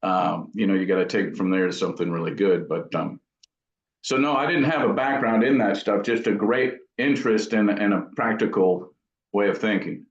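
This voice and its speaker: Speaking at a moderate pace in a fairly low voice, a middle-aged man who builds amps gives relaxed, considered interview answers. He falters a little while looking back on the past, captured on roomy, muffled lo-fi audio.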